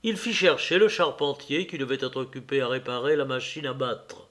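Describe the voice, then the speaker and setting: A man giving a measured, scripted narration of a literary novel for an audiobook. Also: medium pitch. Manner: measured, even literary reading. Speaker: audiobook reader.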